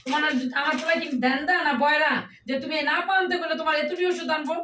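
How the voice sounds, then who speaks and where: Woman playing a scolding, high-voiced mother-in-law. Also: fairly even intonation, very fast, crowd noise, natural voice. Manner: scolding, repeats accusing questions. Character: nagging suspicious mother-in-law, older woman. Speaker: actor in a comedy skit. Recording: roomy, voice from a distance.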